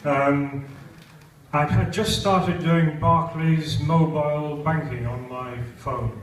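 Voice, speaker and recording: An older British man gives a measured, wry testimonial speech at a large event, his voice a touch higher than most men's. He is picked up from a distance in a booming hall. Steady noise sits under his words. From Britain. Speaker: event speaker. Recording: echoey hall, distant mic, noisy.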